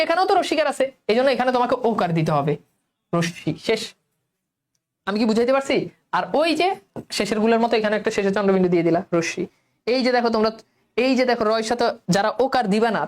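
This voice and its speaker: A coaxing Bangladeshi woman teacher. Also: on the high side. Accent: Bangladeshi Bengali, colloquial. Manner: coaxing, quizzes students, repeats words slowly. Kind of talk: online class lesson.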